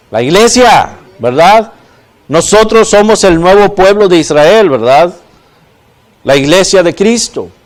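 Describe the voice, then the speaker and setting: A man preaching a sermon, often putting questions to the congregation and adding "¿verdad?". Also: high voice. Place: church.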